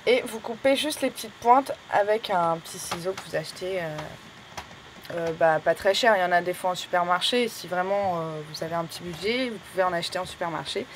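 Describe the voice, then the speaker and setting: A young woman vlogs in a relaxed, chatty way, her throat sore and her voice slightly hoarse. She keeps mocking herself with playful asides. A faint ambient hum sits under her voice. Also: lowish voice, fairly quick. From France. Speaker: beauty vlogger. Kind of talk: casual vlog to camera.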